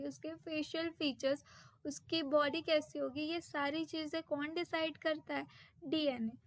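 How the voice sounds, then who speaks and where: A woman teaching a science lesson in a high, light voice, taking her time over each point. She reads the English terms out slowly and deliberately. The sound is dry and close, with no room around it. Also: no room sound. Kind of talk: textbook lesson explanation.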